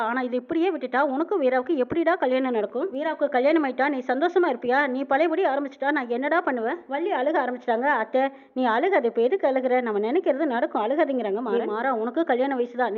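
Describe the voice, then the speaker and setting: A woman quickly retelling a TV serial episode, reporting each character's lines one after another with a tag of who said them. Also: sits high. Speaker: serial recap narrator. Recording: narrow phone-like band.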